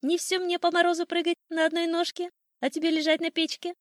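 A woman voicing a cocky, boastful old male sparrow in a storybook tale, shrill and teasing. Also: flat delivery, brisk, dry recording, clean studio sound. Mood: boastful chirpy.

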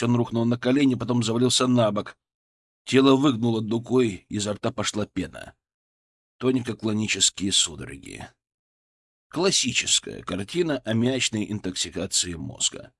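A man's voice: on the low side, fairly bright tone. A man reading a first-person audiobook with dramatic, tense storytelling. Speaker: audiobook narrator. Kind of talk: first-person scripted narration.

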